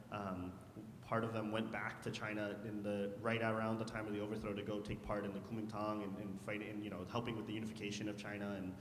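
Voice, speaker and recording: In an echoey hall that was once a church, with a faint rumble in the recording, a man speaks on a panel. He's casual and joking and often repeats words.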